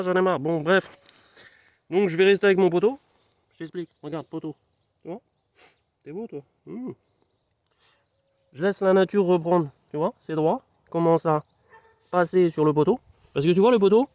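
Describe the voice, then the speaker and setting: A high-pitched young man chats away in a loose, playful ramble, talking straight to his viewer. He is outdoors in a garden with his dog, and his voice sounds close and dry. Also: no room sound. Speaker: vlogger. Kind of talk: casual outdoor vlog chat.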